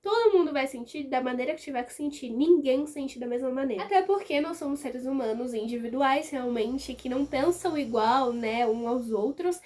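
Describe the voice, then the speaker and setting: A young woman with a Brazilian accent speaks in a high voice. She hosts a personal video channel and talks straight to her viewers. Her delivery is explanatory, with firm emphasis on her points. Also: expressive, moderate pace, hardly any pauses, a little mellow. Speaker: YouTube host.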